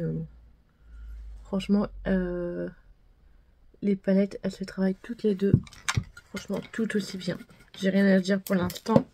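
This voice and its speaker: A woman's voice: mid-range voice, dark tone, husky, no echo. A woman vlogger chatting casually through a makeup tutorial, self-deprecating and full of fillers and repeated words. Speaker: beauty vlogger.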